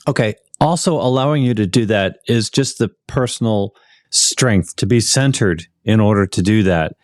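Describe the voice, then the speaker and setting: A man hosting a podcast, asking the guest thoughtful questions in a measured way. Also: lowish voice, no echo, clean studio sound. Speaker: podcast host. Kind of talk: interview questions.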